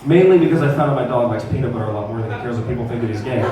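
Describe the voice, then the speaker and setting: A man's voice: medium pitch, very fast, heavy reverb, distant mic, very noisy. A young man doing a crude, rambling stand-up comedy set at a comedy club and talking back to the crowd. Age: young adult.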